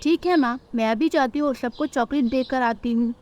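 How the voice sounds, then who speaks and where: A woman narrator voices a sulky, demanding little girl bird from a cartoon story, using a very high, childish whine like a spoiled child wanting her way. The mood is cheerful, the pace normal, and the tone darkish, close to an everyday voice.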